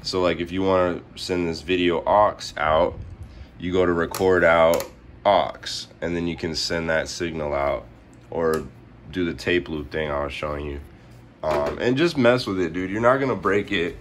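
Off the cuff and clearly hungover, a low-pitched man talks at a normal speed through a stereo how-to from behind the camera in his home. It's a laid-back, rambling, slangy tutorial, shot as handheld home video with noticeable background noise.

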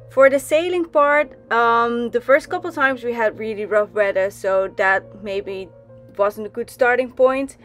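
A young Dutch woman with a medium-pitched voice provides casual voice-over for her sailing vlog, speaking chattily with frequent ums and restarts.

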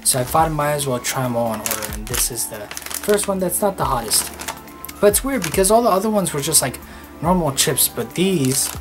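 A man in his twenties chatting casually to camera as a snack reviewer, recorded at a desk in a small room. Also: medium pitch. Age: 20s. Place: small bedroom, indoors.

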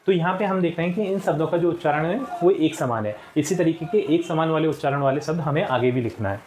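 Patient male teacher, higher voice. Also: quick pace, darkish tone, a little hiss or hum. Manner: patient, repeats answers, frequent "theek hai". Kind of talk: explaining a textbook lesson.

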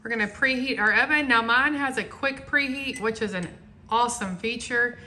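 Woman, fairly high voice, casual cooking demo, chatty step-by-step tips, home kitchen, faint background hum. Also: normal speed, bright, forceful tone, poor audio. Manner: chatty step-by-step instructions, addresses viewers directly. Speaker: home cooking channel host.

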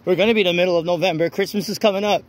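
Racing along in a high, steady-toned voice over background noise, a man rants bluntly in a walk-and-talk vlog with many restarts. He's outside on a wet city street at night, recording on the phone he carries.

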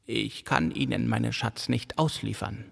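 A man voicing a grieving, half-mad old father in an audiobook, with a soft, androgynous voice and a dangerous edge of madness underneath. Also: mid-range voice, fairly even intonation, measured pace, vocal fry, long reverb tail, exaggerated voice. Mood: menacing.

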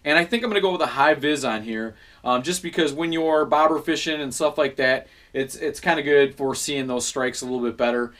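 A man in his thirties, host of a fishing channel, talks casually to the camera about his gear. He is easygoing and fills his talk with ums and quick self-corrections, and he is recorded by a camera a few feet away in a small room at home. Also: a little high. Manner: relaxed, many fillers and self-corrections.

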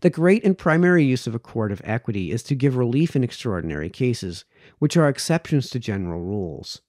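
A mellow man with a lively pitch reads aloud fairly quickly from a book of formal essays as host of a read-aloud series. The clean studio sound has no room echo; he's indoors in a small home office using a close boom-arm podcast microphone and headphones.

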